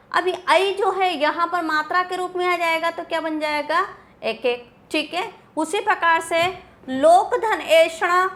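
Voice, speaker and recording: A woman's voice: sits high, a bit bright. A woman teacher giving a classroom lecture, explaining step by step and asking rhetorical questions.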